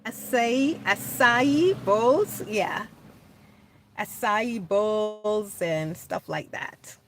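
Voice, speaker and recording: Speaking extremely slowly in a medium-pitched voice with lively intonation, a livestream host born in Jamaica chats casually from her California home. She responds to viewer comments and laughs frequently.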